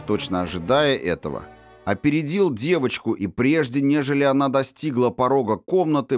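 A man reading a story aloud as audiobook narrator, expressive and acting out the tension of the scenes. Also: lowish voice, dry recording, studio quality. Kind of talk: scripted narration.

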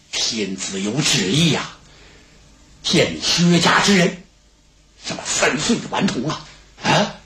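A man's voice: on the high side, fairly bright tone, roomy sound, slight background noise. A man doing a blustering furious old marshal. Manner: bellowing, indignant. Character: blustering angry older male enemy marshal.

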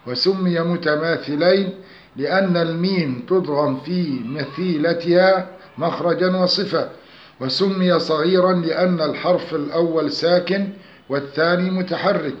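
A man giving a scripted recitation lesson, explaining rules in a measured, steady delivery. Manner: measured, slows to recite examples with nasal humming. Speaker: tajweed teacher. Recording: echoey dull low-fi room recording.

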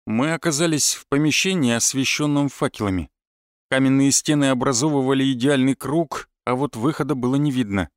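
A man's voice: mid-range voice, dry recording. Male audiobook narrator, dry close sound. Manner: measured, first-person storytelling. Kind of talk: scripted narration.

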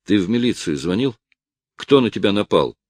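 A man voicing a young man who answers quietly and tersely, keeping himself in check. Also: lowish voice, animated, normal speed, dry recording. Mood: concerned. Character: young man visiting his beaten friend, restrained.

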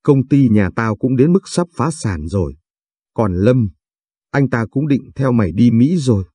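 A man's voice: mid-range voice, lively intonation, unhurried, mellow, husky, no room sound, clean studio sound. A man reading the lines of a jealous young woman who holds a child hostage, speaking harshly and with contempt. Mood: bitter. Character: scheming jealous young woman kidnapper, cruel and bitter.

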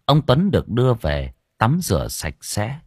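Low expressive male storyteller. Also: moderate pace, husky, dry recording, clean studio sound. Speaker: audiobook narrator. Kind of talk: scripted story narration.

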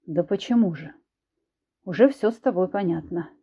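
A woman's voice: lowish voice, normal speed, mellow, husky. A woman voicing a blunt, commanding man who was once a cat, in an audiobook. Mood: stern. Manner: curt, commanding.

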